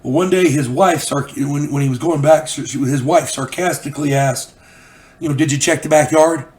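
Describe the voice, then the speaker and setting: Still getting over a cold, an older channel host rambles through a folksy story in a casual storytelling monologue. He speaks at a moderate pace with a voice on the high side and a darkish tone.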